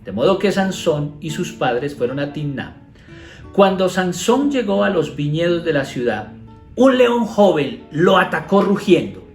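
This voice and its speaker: A man's voice: a little high, sing-song, unhurried. A male pastor with a Colombian Spanish accent reads a Bible passage and then explains it, asking his listeners rhetorical questions. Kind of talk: Bible teaching, reading scripture aloud. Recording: echoey room with soft guitar music behind.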